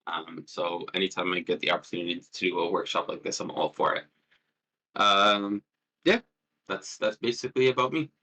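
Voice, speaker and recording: On a push-to-talk call, a student and threat hunter in his twenties presents a laid-back online workshop, hesitant and quick to put himself down. He was born in Jordan and lived in Palestine as a child. His deep voice is bright and forceful at a normal speed, though the recording is rough.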